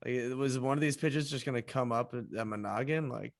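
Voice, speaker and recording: A man's voice: mid-range voice, a little fast, creaky, no echo, studio quality. A man co-hosting a sports podcast in casual chat, laid-back and chuckling along. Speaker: podcast co-host.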